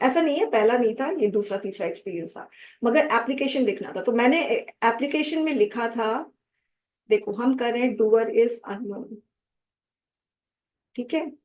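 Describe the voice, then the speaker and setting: A woman with a fairly high voice explains grammar to students in a lecture. She switches between Hindi and English and voices the people in her stories as she goes. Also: a little mellow. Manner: mixes Hindi and English, acts out quoted dialogue. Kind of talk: classroom lecture with personal stories.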